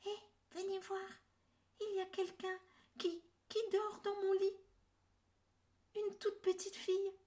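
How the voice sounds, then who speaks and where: A woman voicing a small gentle baby bear in a storybook, with a tiny, very high, squeaky voice. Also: monotone, takes it slowly, pauses often. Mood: eager. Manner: squeaky and plaintive.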